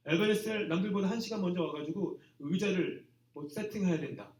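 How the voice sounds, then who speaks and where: A man preaching a sermon to students in a plain, conversational way, often dropping to a soft trailing voice at the ends of phrases. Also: high-pitched, fairly quick. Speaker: pastor. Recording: echoey hall from a distance.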